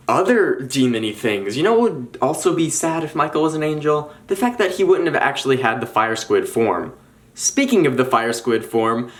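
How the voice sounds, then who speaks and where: A young man in casual chat as a vlogger, talking in an animated, rambling way with quick restarts. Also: medium pitch. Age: young adult.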